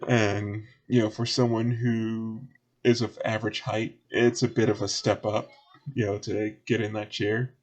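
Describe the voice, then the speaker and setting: A man with a fairly low voice narrates a tabletop game as game master. He rambles in a relaxed way, with many small fillers, as he sets each scene. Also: unhurried.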